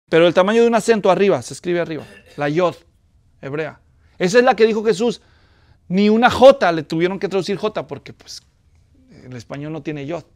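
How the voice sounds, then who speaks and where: A pastor preaching a sermon, putting questions to the congregation. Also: male voice, high-pitched, no echo, clean studio sound. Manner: conversational teaching with questions to the congregation.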